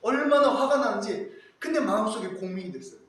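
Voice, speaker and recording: A male pastor giving a children's sermon, animated, asking the children questions and acting out voices. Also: high voice, brisk. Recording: echoey hall, far from mic, faint noise.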